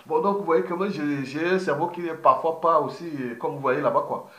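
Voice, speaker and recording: A man's voice: a little high, a little fast, bright, forceful tone. A man in his fifties from Congo, a political activist giving a digressive monologue, full of fillers, restarts and repeated words. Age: 50s. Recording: roomy echo.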